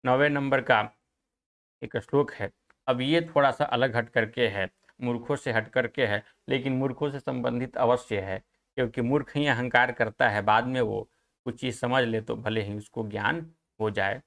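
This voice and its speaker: A man with a Hindi accent giving an exam-prep Sanskrit lecture, chanting verses slowly and then explaining them quickly. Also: medium pitch, steady tone, creaky, fairly bright tone. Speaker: Sanskrit teacher.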